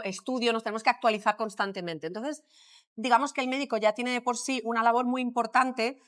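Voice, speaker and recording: A middle-aged woman from Madrid speaks with a Spanish accent and a fairly high voice. She is a surgeon in a podcast interview, and she thinks out loud with frequent pauses and fillers. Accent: Spanish from Spain. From Madrid, Spain. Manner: thoughtful, many pauses and fillers. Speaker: plastic surgeon guest.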